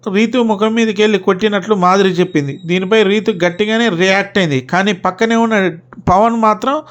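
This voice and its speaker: A man's voice: high-pitched, steady tone, fast talker. A man giving casual, chatty commentary on reality-show gossip and talking straight to his viewers as friends.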